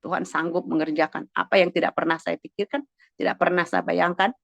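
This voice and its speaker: A woman's voice: lowish voice, flat delivery, a little fast, creaky, no room sound. A middle-aged woman leading a morning devotion, earnestly sharing a personal testimony and speaking straight to her listeners. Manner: earnest, addresses listeners directly.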